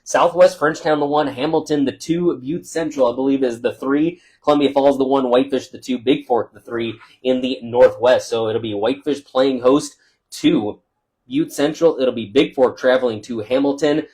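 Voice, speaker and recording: Speaking from a press box above a football field, this male local radio sportscaster delivers a loud, chatty postgame rundown of scores and stats peppered with "uh." He has a medium pitch, fairly even intonation, and talks at a normal speed.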